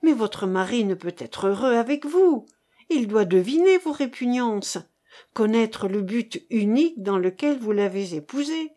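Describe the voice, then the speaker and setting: A scheming man courts a grieving young widow in soft, urgent, pleading tones, voiced by a woman reading aloud. The delivery is slow and mellow, pitched fairly high. It has the feel of a read-aloud novel. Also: lively intonation. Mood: persuasive. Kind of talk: audiobook reading.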